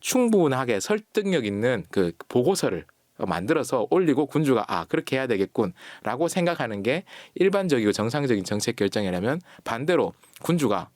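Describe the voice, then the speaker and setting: A man speaking as an author guest on a radio talk show. He explains at length and acts out quoted lines with lively voices. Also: mid-range voice, brisk, hardly any pauses, dry recording, clean studio sound. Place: radio studio. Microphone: studio microphone.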